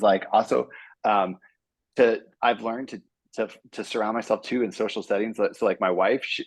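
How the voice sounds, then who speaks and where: A man, a software engineer, giving earnest advice to students on a panel and acting out his own thoughts as he goes. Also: on the low side, husky, dry recording. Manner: earnest, animated, acts out his own inner voice.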